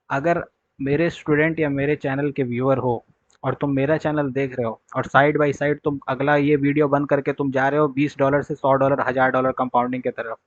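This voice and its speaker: A man's voice: a little high, no room sound, lo-fi sound. A young man teaching trading to his viewers in a blunt, scolding way, often checking that they understood. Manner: scolding, direct, repeats "clear?" and "okay".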